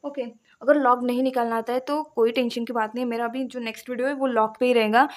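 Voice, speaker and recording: A woman's voice: fairly high pitch, fairly even intonation, fast. A woman teaching chemistry, working through a numerical problem step by step and asking the class questions, with fillers and self-corrections.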